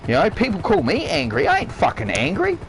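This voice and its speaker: A man with a high voice that leaps up and down his range as he vents on a live game stream. He is blunt, swears constantly, and hammers each point home. A faint hiss sits under his voice. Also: huge pitch swings, brisk, vocal fry, low-quality recording. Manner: blunt, heavily profane, emphatic rant. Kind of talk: ranting livestream monologue. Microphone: console headset or stream mic.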